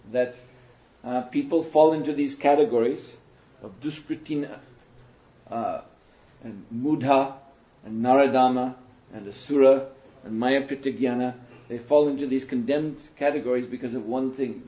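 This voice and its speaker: A man giving a sermon to an audience, telling stories in an animated way, now and then laughing. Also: mid-range voice. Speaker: monk lecturer. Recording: dull roomy lecture recording.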